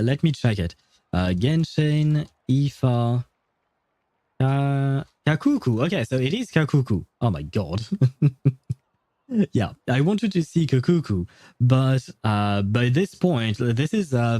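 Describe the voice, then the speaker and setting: A man livestreams a video game from a dry indoor setup, offering casual, rambling, informal chat and commentary with mild swearing. His medium-pitched voice is animated, measured in pace and dark in tone, with clean studio sound, no echo, and faint game music behind him.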